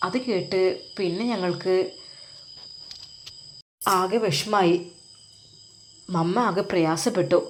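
A woman with a Malappuram Malayalam accent voicing a loving middle-aged father who gently comforts his daughter in a storybook reading. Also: fairly low pitch, steady tone, slow, long pauses, a little hiss or hum. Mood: reassuring. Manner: gentle, soothing, reassuring.

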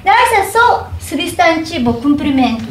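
Woman teacher, high voice, slowly models greetings, roomy echo. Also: very animated. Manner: slow careful demonstration of each phrase. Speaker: Japanese teacher. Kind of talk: language lesson. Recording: echoey room, faint hum.

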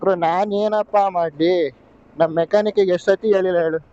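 A man's voice: sits high, steady tone, fast talker, warm tone, clean tone, muffled recording. A man vlogging as a motorbike rider, giving in to his scolding bike in a comic sketch. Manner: weary, placating, gives in. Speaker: motovlogger and rider.

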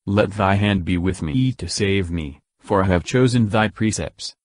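Guy reading psalms out loud, slow and solemn, kinda low voice, dry sound. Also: no room sound. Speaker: scripture reader.

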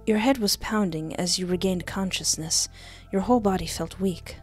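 On a close desktop microphone and headset at home, a young gaming host reads game text aloud and tosses in animated, jokey asides during a playthrough. Her voice is fairly low and her pace moderate, with game music in the background.

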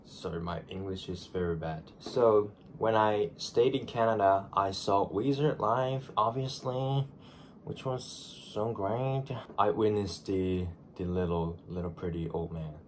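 Groggy from just waking up, a Japanese vlogger in his twenties chats casually indoors in his small bedroom, speaking to a camera in front of him on the desk. His accented voice sits on the low side and is unhurried. He's chatty and self-deprecating, often restarting phrases, and a little hiss or hum runs underneath.

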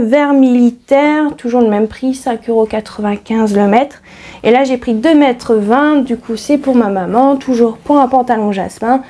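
Chatty woman, mellow voice. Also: on the high side. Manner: chatty, many fillers and self-corrections. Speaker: sewing vlogger. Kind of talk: casual fabric haul chat.

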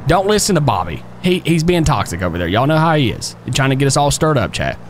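Male streamer, very lively pitch, rapid folksy chatter, slight background vehicle noise. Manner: folksy, excitable, addresses chat and buddies. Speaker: streamer and police role-play host. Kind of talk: casual live stream chat while playing.

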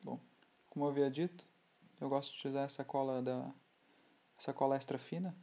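Relaxed, halting Brazilian man, dark voice. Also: medium pitch. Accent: Brazilian Portuguese. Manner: relaxed, halting, with many restarts. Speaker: scale model builder. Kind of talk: hobby tutorial voice-over.

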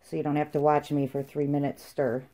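Low-voiced woman muffled behind a mask. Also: flat delivery, a little fast, mellow. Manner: muffled, talking through a mask over the mouth. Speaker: resin craft demonstrator. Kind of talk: casual craft tutorial narration.

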